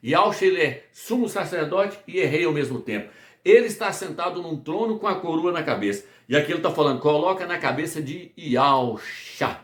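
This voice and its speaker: Brazilian preacher, rhetorical and repetitive. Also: male voice, on the high side, lively intonation, fast, a bit bright. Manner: repetitive call-and-response questioning. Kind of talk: Bible study teaching. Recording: echoey room.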